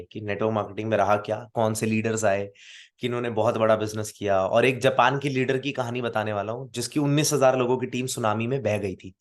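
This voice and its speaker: A young man running a sales training session, telling stories and acting out both sides of the dialogues, mixing English words into his Hindi. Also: lowish voice. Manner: animated storytelling, acts out both sides of dialogues.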